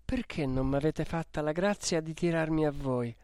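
A man reading an audiobook who voices a gentle, devout young woman, pleading in distress. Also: fairly high pitch, moderate pace, smooth, dry recording, studio quality, natural voice. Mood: anguished pleading. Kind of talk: audiobook character voice.

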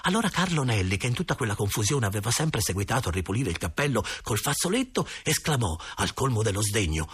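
A man reading a first-person diary story aloud as an audiobook, with expressive delivery and dramatic pitch swings. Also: husky. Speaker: reader.

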